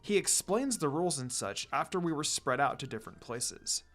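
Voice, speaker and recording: A man reads fanfiction aloud as a dramatic first-person narrator, his slightly high, somewhat bright voice moving with lively intonation at a moderate pace. Music plays beneath his voice.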